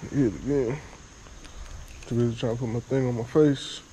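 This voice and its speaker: Fishing at a small creek beneath a bridge, a man vlogs with a head-mounted action camera, muttering a relaxed running commentary to himself. His voice is medium in pitch and normal in speed, and the audio is poor with slight background noise.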